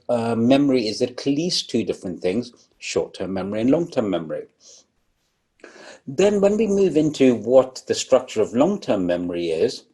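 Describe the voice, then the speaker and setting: A man's voice: on the low side, dark tone, slightly rough. A man giving a public lecture, explaining plainly with frequent ums and restarts, with a throat lozenge in his mouth. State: coughing, sucking a throat lozenge.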